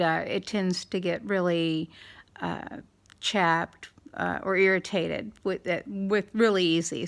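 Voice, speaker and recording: A middle-aged woman with a slight lisp, talking candidly in a halting, rambling way as in a casual video diary. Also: medium pitch, gravelly, a bit bright. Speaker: dental implant patient vlogger.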